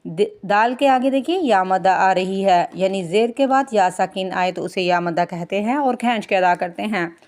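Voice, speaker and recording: A woman teaching Quran recitation rules, chanting verses slowly and drawn out, then explaining quickly in plain speech. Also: medium pitch, darkish tone. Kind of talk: tajweed lesson, slow recitation alternating with quick explanation.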